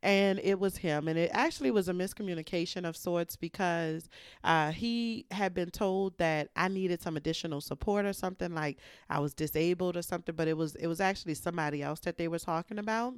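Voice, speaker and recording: A woman hosting a podcast, telling a story in a chatty, animated way, acting out the people she quotes. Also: lowish voice, brisk, clear, resonant tone, no echo, studio quality. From United States. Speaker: podcast host. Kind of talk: casual storytelling monologue. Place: hotel room.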